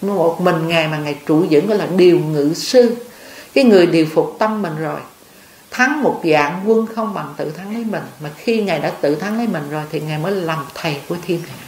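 Older nun, roomy hall. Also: female voice, on the low side, a little fast, a little mellow. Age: over 60. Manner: chatty storytelling, often checks that listeners understand. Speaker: Buddhist nun giving a dharma talk. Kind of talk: homely dharma talk. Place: monastery hall. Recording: roomy hall with faint ambience.

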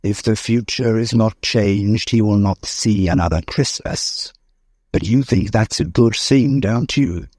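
A man doing a grave, slow Christmas spirit. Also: on the low side, darkish tone, husky, no room sound, studio quality. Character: solemn kind Christmas spirit, stern and grave. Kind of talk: storybook reading.

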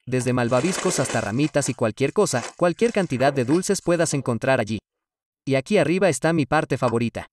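A man's voice: mid-range voice, a little mellow, dry recording, clean studio sound, distant mic. A young man giving an upbeat, casual tour of the converted shuttle bus he lives in.

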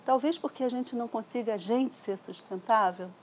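A woman's voice: on the high side, moderate pace. Middle-aged woman lecturing on a stand mic in a hall, chatty and reflective, little bit of room hiss. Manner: conversational, reflective, frequent "né?" tags. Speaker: speaker giving a talk. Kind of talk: lecture to an audience. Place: hall with seated audience. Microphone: stand microphone.

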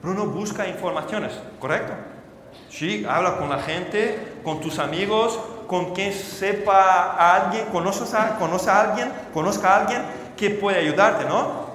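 A man preaching a sermon as a story, often checking in with the audience through quick questions and halting restarts. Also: high-pitched, fairly bright tone, a little hiss or hum. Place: church hall. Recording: reverberant church hall.

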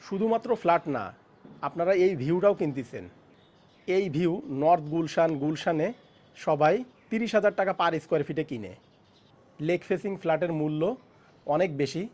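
Man, estate agent, flat walkthrough, slightly high-pitched, addressing viewers. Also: normal speed, pauses often. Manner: speaks softly in the child's bedroom so a sleeping baby isn't woken; addresses viewers directly, pointing out features. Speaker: real estate agent giving a flat tour. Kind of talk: walkthrough property tour narration. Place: inside an apartment, moving room to room.

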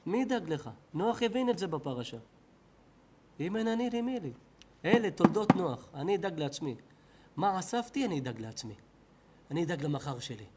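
A man, a rabbi with an Israeli Hebrew accent, preaching a sermon in a synagogue hall, swinging between loud outbursts and low murmurs. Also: big pitch swings, pauses often, background noise.

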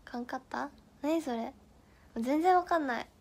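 A woman's voice: sits high, normal speed. A young woman from northeastern Japan chatting casually on a livestream, reading viewer comments, giggling and fumbling through tongue twisters. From Miyagi, Japan. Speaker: idol livestream host.

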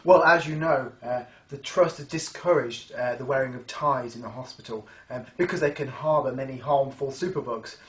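Man playing formal deadpan doctor, echoey. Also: mid-range voice, moderate pace, hardly any pauses, lightly acted. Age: young adult. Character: self-important, deadpan young male doctor in news spoof. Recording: echoey hard room.

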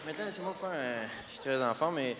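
A man doing stand-up comedy with a Québécois French accent, delivering punchy deadpan one-liners. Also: fairly high pitch, fast, over a noisy crowd, very noisy. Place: large theatre stage. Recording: long hall reverb, loud audience.

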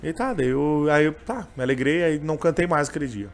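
Fast-talking gaúcho man telling a story. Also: on the high side, creaky. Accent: gaúcho Portuguese. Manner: emotional, rambling, full of fillers like "cara" and "bah". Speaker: interviewee, train vendor and singer. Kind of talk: casual storytelling interview.

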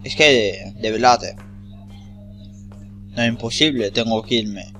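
A man's voice: lowish voice, a little slow, fairly bright tone, soft background music. A man with an accent from Spain giving casual, rambling, repetitive gameplay commentary with plenty of swearing. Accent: Spanish from Spain. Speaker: gamer.

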